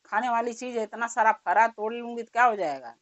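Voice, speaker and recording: Lady putting on a bossy old granny, hushed and dismissive, fairly high voice, dry sound. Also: brisk, no echo, highs cut off, lightly acted. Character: scolding old grandmother, secretive and stubborn.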